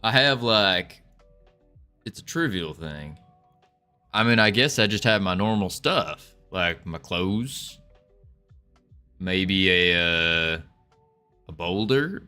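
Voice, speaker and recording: Bright and forceful, a young livestreamer's lowish voice carries playful cowboy talk in a fake American Southern accent as he chats casually with his audience.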